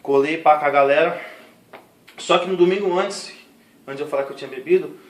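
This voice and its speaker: A young man giving an animated, slangy spoken testimony in a church setting. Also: a little high, brisk. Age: young adult. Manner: slangy, animated storytelling with voiced impressions. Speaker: testimony giver. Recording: echoey room, distant mic, noisy.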